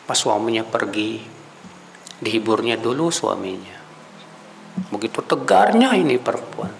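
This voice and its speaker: Gravelly-voiced male preacher. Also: on the low side, expressive, a little slow, slight background noise. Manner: asks the audience rhetorical questions; addresses listeners directly as sir and brother. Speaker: Islamic preacher. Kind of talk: conversational religious lecture. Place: Islamic study gathering.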